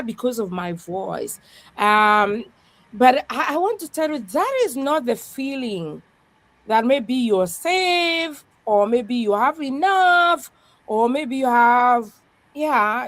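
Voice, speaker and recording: A woman pastor, appearing as a guest on a reflective podcast, talks earnestly with a strong, fairly high, bright voice. She speaks slowly and expressively, often adding "yeah," and there is no room sound.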